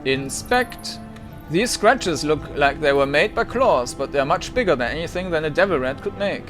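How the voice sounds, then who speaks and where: A man's voice: on the high side, lively intonation, moderate pace, over music. A man hosting a let's play, reading game text aloud with casual, muttered asides. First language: German.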